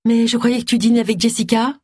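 A woman's voice: fairly high pitch, fairly even intonation, quick pace, a little mellow, husky, dry recording, studio quality, voice pushed up. A woman voicing a curious, fretful man.

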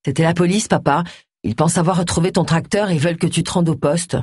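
A reader voicing a hostile young farmer's son who taunts and shouts threats. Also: male voice, on the high side, fast, husky, no room sound, studio quality. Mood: smooth.

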